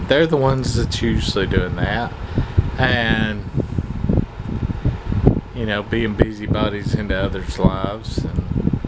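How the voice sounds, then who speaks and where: A man chatting casually in a rambling vlog, hesitant and meandering, frank and coarse in his wording. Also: on the low side. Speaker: vlogger. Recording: loud fan noise over the voice. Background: whirring fan.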